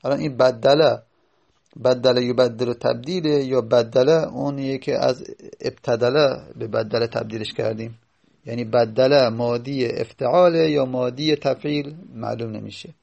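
Very gravelly male teacher. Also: medium pitch, steady tone, a little mellow, dull audio. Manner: repeats each word form slowly while explaining step by step; reads out lines of a textbook before explaining them. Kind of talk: grammar lesson.

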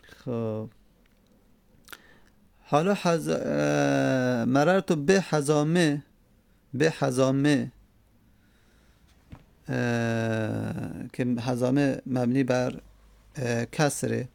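Gravelly-voiced man teaching grammar. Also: mid-range voice, pauses often, darkish tone, no room sound. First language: Persian. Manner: explains step by step, repeating forms, many hesitations. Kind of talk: Arabic grammar lesson.

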